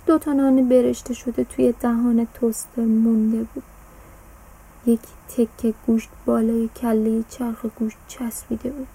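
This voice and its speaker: A woman narrating a children's story in a clear, measured storytelling manner. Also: on the high side, level tone, warm tone, rough recording.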